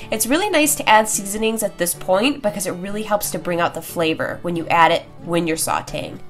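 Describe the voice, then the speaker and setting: A young woman with a congested, honking nasal voice and sore throat, chattily and playfully hosting a casual recipe tutorial. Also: fairly low pitch. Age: young adult. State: stuffed nose and sore throat. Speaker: cooking video host. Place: home kitchen, indoors. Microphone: lapel mic. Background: music.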